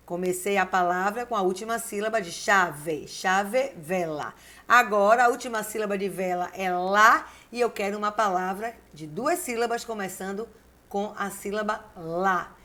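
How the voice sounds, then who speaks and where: A woman, a teacher giving a video lesson, who dictates slowly and repeats key words syllable by syllable while encouraging her class. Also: medium pitch, a bit bright. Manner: encouraging, addresses the class directly. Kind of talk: video lesson with word exercises.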